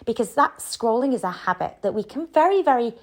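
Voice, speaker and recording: A woman's voice: on the high side, animated, brisk. A woman speaking as a self-love coach in a conversational, encouraging way, posing reflective questions directly to the listener.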